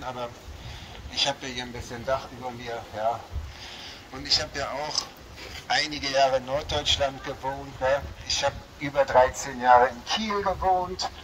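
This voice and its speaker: Under a small roof on a rainy shopping street, a man from Berlin delivers an impassioned sermon, his light Berlin accent clear and his voice on the high side. "Ja" and "Halleluja" come up again and again. The sound comes through a small loudspeaker rig, with plenty of outdoor street noise around him.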